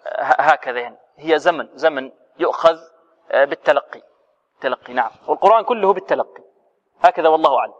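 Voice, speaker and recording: A man teaching Quran recitation to a class, his voice sitting a little high. He keeps asking the students questions, answers them himself, and demonstrates the sounds. The recording is muffled and lo-fi, with a long hall echo. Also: quick pace. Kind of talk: tajweed lesson to students.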